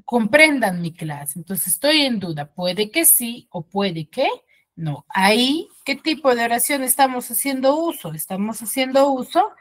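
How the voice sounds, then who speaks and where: Woman teacher in an online class, lively pitch swings, explains patiently and keeps asking pupils if they follow. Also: moderate pace. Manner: explains step by step, asks pupils checking questions. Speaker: schoolteacher.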